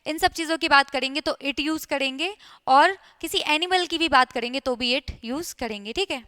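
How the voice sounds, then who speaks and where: A high, bright-voiced woman teaches an exam-prep class. She repeats key points often and keeps checking in with her students. Her delivery is crisp and lively. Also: moderate pace. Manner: repetitive, checks in with listeners.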